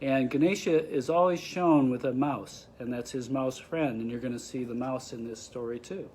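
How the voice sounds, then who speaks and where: A man's voice: medium pitch, moderate pace, a little mellow, a little hiss or hum. A man reading a picture book aloud to children, explaining the pictures with friendly asides. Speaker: storybook reader.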